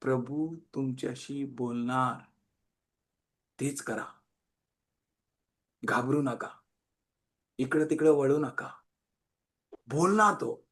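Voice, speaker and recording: A man preaching a sermon, emphatic, swinging between loud and quiet and repeating phrases in long lists. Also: medium pitch, takes it slowly, long pauses.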